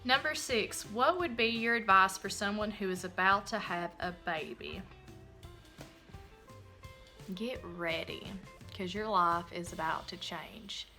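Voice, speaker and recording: A woman's voice: medium pitch, a little slow, pushed and bright, faint music behind. A young woman, a mom vlogger, talking in a casual, earnest and heartfelt way while answering questions. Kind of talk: casual Q&A vlog talk.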